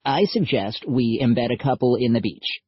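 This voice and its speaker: A husky-voiced man voicing a patient, slightly patronizing male scientist who explains things in a lecturing way. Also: medium pitch, moderate pace, no room sound, lightly acted. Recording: dull lo-fi audiobook recording.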